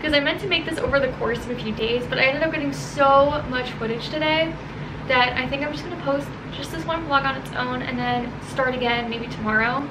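High-pitched young American woman vlogging over fan noise. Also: brisk. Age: young adult. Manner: chatty, informal. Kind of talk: casual vlog chat. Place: small bedroom and home kitchen, indoors. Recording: steady fan noise behind home recording. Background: whirring room fan.

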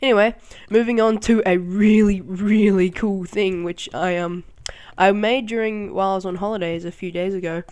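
Excitable chatty game tutorial host. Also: mid-range voice, clean tone. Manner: excitable, quick to laugh and exclaim; chatty, rambling with fillers. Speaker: channel host. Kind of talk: casual game tutorial commentary.

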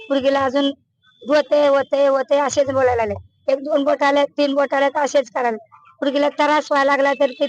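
A woman, the mother of a patient, tells a reporter what happened, in halting, repetitive colloquial speech full of restarts. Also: high-pitched, muffled recording. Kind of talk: emotional testimony to a reporter.

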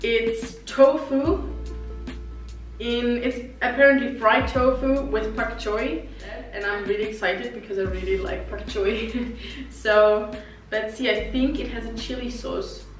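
A woman's voice: fairly high pitch, a little slow, faint music behind. A young woman from Vienna chatting casually as she tastes and reviews vegan dishes, giggling often. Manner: chatty, giggly, tastes food while talking. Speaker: vlogger reviewing vegan food. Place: living room with wicker sofa, indoors. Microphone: far camera. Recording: echoey room, voice from far off.

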